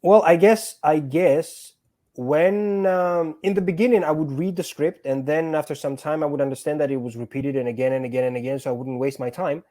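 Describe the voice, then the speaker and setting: Male actor guest, from Georgia by way of Greece, slightly high voice, earnest and repetitive in casual chat. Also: steady tone, a little fast, mellow. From born in Georgia, raised in Greece. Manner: earnest, repeats words while finding phrasing.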